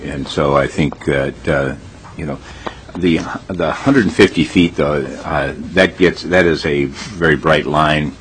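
A man on a committee asking questions in a halting way, with many restarts. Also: very deep voice, fairly bright tone, slight background noise. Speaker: state senator.

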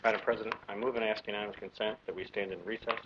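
An American man with a lowish voice talks quickly as a legislative floor leader, putting formal motions. The recording is dull, with clear noise behind him. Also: little pitch movement. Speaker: senate majority leader.

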